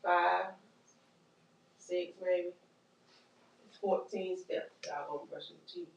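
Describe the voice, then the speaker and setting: A woman trainer teaches caregivers in a lively workshop, loud and animated, joking and acting out scenes with casual Southern-style grammar. Her voice is lowish, slow and creaky. The recording is echoey and distant, with the highs cut off and faint noise.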